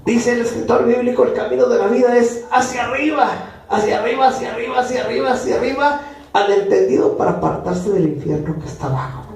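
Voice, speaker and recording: High-voiced emphatic man preaching. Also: quick pace, gravelly, darkish tone. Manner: emphatic, repeating phrases for effect. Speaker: pastor. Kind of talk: sermon. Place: church. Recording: echoey church room, mic far off.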